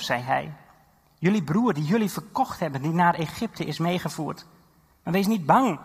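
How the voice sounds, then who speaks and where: A man preaching a sermon and retelling a Bible story, animated, with loud exhortation and quiet reading. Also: on the high side, breathy edge. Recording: long hall reverb.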